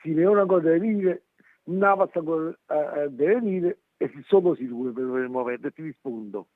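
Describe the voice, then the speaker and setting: A man's voice: a little high, normal speed. A man calling in to a sports phone-in show over a poor phone connection, hesitant and checking whether he can be heard. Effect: tinny poor phone-line connection. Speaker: radio call-in caller. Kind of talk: casual call-in chat about football.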